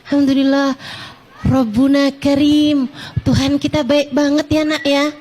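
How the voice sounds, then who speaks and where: A woman's voice: sits high, level tone. Woman doing a serene, grateful old male patient. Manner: slow, gentle, drawn-out praise.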